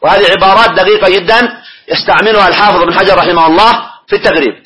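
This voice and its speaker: Male classroom teacher, high and bright tone, reads and explains, keeps checking students with questions. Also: steady tone, very fast, rough recording. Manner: quizzes students with prompting questions. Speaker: teacher of hadith studies. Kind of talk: classroom lecture, reading a text and explaining it.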